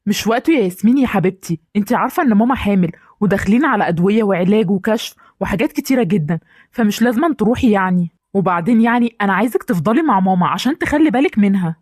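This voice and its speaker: A woman voicing a caring father with an Egyptian accent, gently but firmly instructing his daughters. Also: medium pitch, animated, racing, dry recording, studio quality, lightly acted. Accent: Egyptian Arabic. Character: caring father of several young girls.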